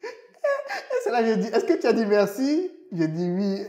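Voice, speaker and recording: A man's voice: high voice, sing-song, moderate pace, mellow, reverberant. A man co-hosting a podcast, telling a story in casual chat and checking in often with his listener. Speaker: podcast co-host.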